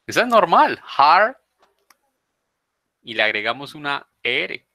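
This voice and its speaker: A man's voice: on the high side, sing-song, slow pace, pushed and bright, dry recording. A male teacher leading an online English class, patiently explaining rules step by step.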